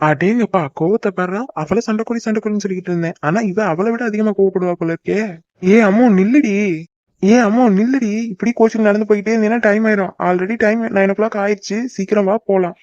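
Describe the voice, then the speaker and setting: A man's voice: high voice, fast, a little mellow, no room sound, dull audio, close to an everyday voice. A young man voicing a teasing, devoted boyfriend in a cartoon, coaxing and joking. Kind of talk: cartoon voice acting.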